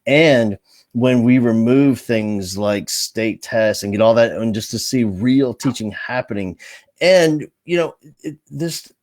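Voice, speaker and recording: A man's voice: mid-range voice, slow, a little mellow, no echo. A man hosting a casual interview over a video call, talking emphatically with frequent restarts. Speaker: podcast host.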